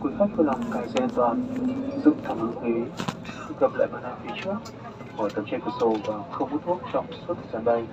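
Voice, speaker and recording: A man's voice: mid-range voice, animated, brisk. A man from the cabin crew reading a formal, scripted flight attendant welcome announcement. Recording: dull cabin speaker, loud aircraft noise. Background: loud aircraft cabin noise.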